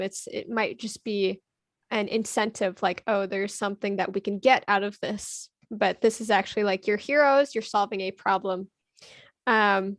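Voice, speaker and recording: A woman's voice: mid-range voice, gravelly, no echo. Thoughtful woman, dry sound. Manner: thoughtful, many fillers. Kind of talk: casual discussion.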